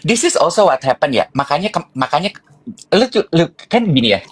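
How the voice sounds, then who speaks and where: Pria bersuara agak tinggi dan serak. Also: male voice, fairly high pitch, sing-song, brisk, slightly rough. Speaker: co-host. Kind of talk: casual gossipy chat.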